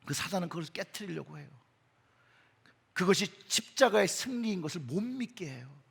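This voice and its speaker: A middle-aged man preaches in a church with an emphatic delivery, his pitch and volume climbing on key phrases. His voice sits high for a man and has a gravelly texture that frays at the ends of phrases. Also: expressive, moderate pace. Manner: emphatic, with surges in pitch and loudness. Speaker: pastor. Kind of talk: sermon. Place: church sanctuary.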